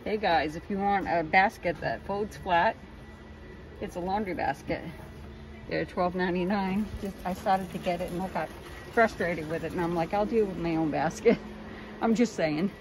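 Lady filming a shopping vlog on her phone, lowish voice, busy store noise behind. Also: normal speed. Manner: chatty, pointing out prices. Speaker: vlogger. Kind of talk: casual shopping vlog narration. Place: large indoor store. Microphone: phone camera held while walking. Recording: noisy store background.

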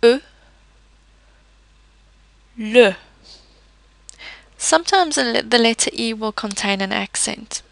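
A woman's voice: on the high side, lively intonation, moderate pace, gravelly, few pauses, a bit bright, dry recording, rough recording. A woman teaching a pronunciation lesson, patiently explaining each letter with example words. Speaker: language teacher. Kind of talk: slow, careful pronunciation lesson.

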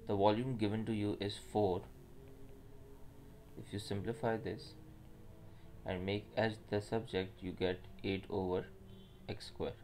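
A man's voice: on the low side, level tone, measured pace, long pauses, a little mellow, a little hiss or hum. A man with a Pakistani accent explains a maths problem step by step as a teacher, mixing Urdu phrases into his English.

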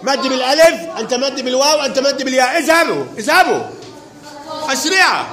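A man's voice: extremely high pitch, big pitch swings, pushed and bright, a faint crowd. A male teacher running a word game in a classroom, calling pupils up by turn and urging them to hurry. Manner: brisk, directive, urging pupils on. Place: classroom, large room.

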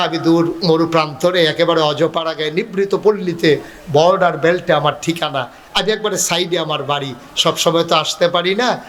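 High-voiced man preaching in sing-song. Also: fairly bright tone. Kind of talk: sermon storytelling. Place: outdoor religious gathering.

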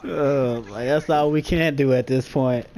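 A man's voice: medium pitch, moderate pace, darkish tone, slight background noise. A man chatting casually with teammates while playing an online shooter, laughing often and bantering easily. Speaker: gamer streaming his match. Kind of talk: casual gaming chat.

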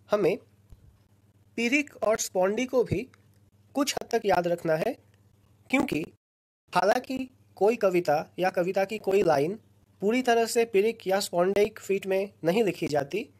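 A woman teaching a recorded lesson, explaining slowly and patiently in short phrases with pauses between them. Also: mid-range voice, a little mellow. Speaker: lecturer.

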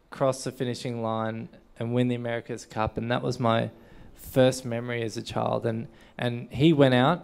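A man's voice: mid-range voice, creaky, a little mellow. An Australian man in his forties, a sailor being interviewed on an event stage with a handheld mic, earnest and repeating "and" as he searches for words. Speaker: Paralympic sailor, honoree.

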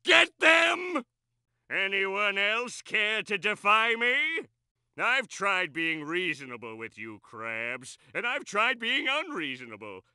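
An actor playing Plankton, a tiny scheming male villain in a video game, boasting grandly and breaking into shouts. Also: high voice, big pitch swings, takes it slowly, clean tone, no room sound, full character voice. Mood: furious. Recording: dry studio recording.

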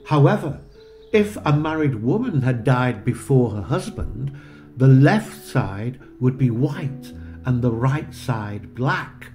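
Slow, measured man narrating a church tour. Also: mid-range voice, roomy sound. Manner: measured, explanatory, gently enthusiastic. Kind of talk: unhurried documentary narration.

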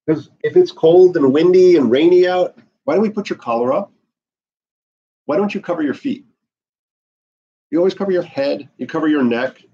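A middle-aged man from the Bahamas teaching an herbalism class indoors, animated and gesturing a lot while he paces, recorded by a camera at a distance. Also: on the high side, normal speed, pauses often, husky, lo-fi sound. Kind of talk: lecture to a class. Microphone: far camera on the floor.

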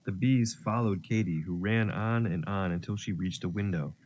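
Man, children's story narration, deep voice, gentle, expressive, faint noise behind. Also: normal speed.

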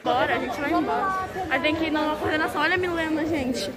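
A woman's voice: sits high, quick pace, over a noisy crowd, heavy background noise. A teenage girl vlogging a school day with friends, chatty and giggly, filmed on a phone held at arm's length. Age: teens. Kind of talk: casual vlog chat. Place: school and home indoors.

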